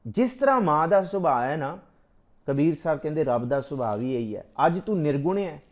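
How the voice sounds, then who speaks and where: A man giving a Sikh scripture exposition, reciting verses slowly and then explaining them phrase by phrase, asking and answering his own questions like a teacher. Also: fairly high pitch, animated, dull audio.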